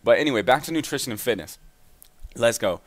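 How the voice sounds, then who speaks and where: A young man chatting casually over gameplay, giving fitness and nutrition advice in an energetic voice-over. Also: mid-range voice, fast.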